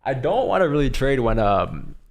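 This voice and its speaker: A man's voice: medium pitch, sing-song, normal speed, creaky. A man giving casual live commentary as a stream host, rambling informally and thinking aloud.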